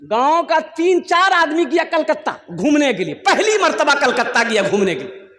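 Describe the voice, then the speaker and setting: High-voiced preacher in an echoing hall. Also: male voice, sing-song, moderate pace, pushed and bright. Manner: storytelling with jokes, scolds the crowd. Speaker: Islamic preacher. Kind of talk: humorous sermon at a religious gathering. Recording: echoey hall with long reverb.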